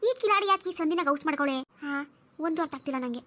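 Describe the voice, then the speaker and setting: A nosy, scolding old mother-in-law played by a woman grumbles and mutters to herself in a very high, bright voice at a quick clip. It is cartoon voice acting. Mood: suspicious.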